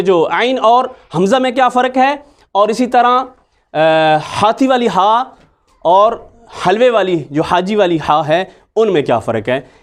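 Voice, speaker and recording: High-voiced man teaching recitation. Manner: patient, repeats sounds to demonstrate. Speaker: religious teacher. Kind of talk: Quran recitation lesson.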